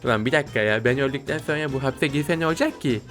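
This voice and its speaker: A young man giving playful, excitable commentary while playing a video game, often jumping to high squeals. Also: quick pace, loud music behind the voice. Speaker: gameplay streamer.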